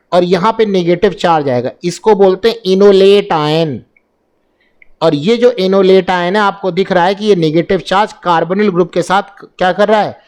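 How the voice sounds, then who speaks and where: A man with a high voice explains chemical reactions step by step for exam preparation. He keeps asking rhetorical questions and answers them himself. He repeats the key terms to drive them home. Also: a little mellow, smooth. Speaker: chemistry teacher.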